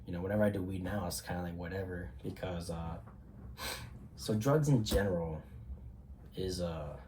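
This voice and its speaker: A man's voice: deep voice, a little mellow, a little hiss or hum. A young man with a cold, congested and sniffly, talking casually to camera in a rambling way with many fillers and some swearing. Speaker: vlogger.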